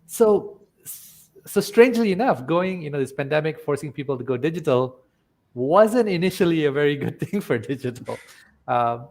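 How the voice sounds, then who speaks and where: A man's voice: on the high side, animated, moderate pace, a little mellow. A man who is a podcast guest, explaining his experience in a reflective way and often checking in with "right?". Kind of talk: conversational interview.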